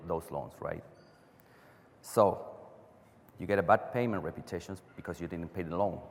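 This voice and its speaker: Chilean man speaking in an echoing hall. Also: fairly low pitch. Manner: non-native phrasing, frequent restarts, rhetorical "right?". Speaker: conference speaker. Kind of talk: technical conference talk. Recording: long reverb of a large hall.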